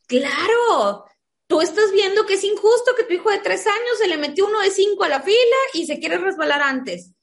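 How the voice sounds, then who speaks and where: A woman, a mother, giving an interview and explaining her parenting views through lively anecdotes. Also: extremely high pitch, moderate pace. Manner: lively anecdotes, acts out quoted dialogue. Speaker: guest, a mother of school-age children. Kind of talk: conversational interview storytelling.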